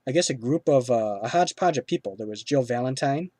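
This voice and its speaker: A man's voice: mid-range voice, expressive, fast, mellow, dry recording. A man hosting a casual film review, rambling with lots of fillers and restarts.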